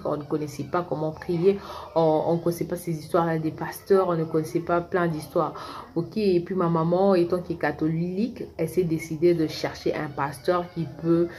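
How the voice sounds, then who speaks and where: A middle-aged woman from Congo tells a personal story to her viewers in a low voice. She is chatty and often breaks off to restart a sentence. A faint hum of background noise sits under the recording. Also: mellow. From Congo (Kinshasa). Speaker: vlogger. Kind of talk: casual storytime monologue.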